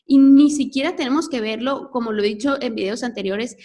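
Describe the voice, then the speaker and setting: Woman, fairly high voice, reflective self-help talk, earnest, restarts mid-phrase, talks straight to the listener. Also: fairly quick, warm tone. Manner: earnest, searching for words with restarts; speaks directly to the listener. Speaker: host.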